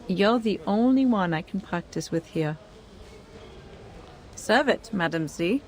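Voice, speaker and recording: A woman's voice: medium pitch, expressive, takes it slowly, slight background noise. An actress playing a sporty woman who teasingly challenges a rival to a game of table tennis, in a game. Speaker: game character.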